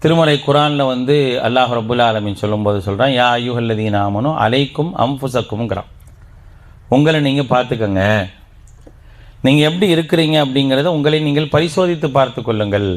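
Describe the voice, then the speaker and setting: A male preacher with a Tamil Nadu accent delivers a teaching talk at an outdoor gathering. He speaks at a middling pitch for a man. He keeps turning to his listeners with questions and repeats each one until someone answers. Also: lively intonation, a little fast. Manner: interactive, quizzes the audience with questions. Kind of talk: Islamic teaching talk to members.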